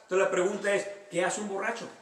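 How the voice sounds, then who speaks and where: A man's voice: high-pitched, flat delivery, quick pace, a bit bright. A male pastor leading a Bible study, reading verses aloud and explaining them in a conversational way with rhetorical questions. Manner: reads verses aloud, then explains them with personal anecdotes. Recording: echoey room, voice from far off the mic.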